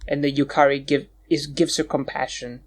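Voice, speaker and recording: A man's voice: mid-range voice, little pitch movement, normal speed. A man co-hosting a podcast, chatting casually, joking and bickering and swearing freely. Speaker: podcast co-host. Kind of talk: casual chat.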